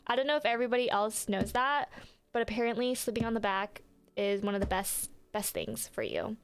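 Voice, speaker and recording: A woman's voice: on the high side, sing-song, fairly quick, clean tone. A young woman livestreaming in a casual, chatty way, apologetic and full of fillers. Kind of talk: casual live-stream chat. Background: faint background music.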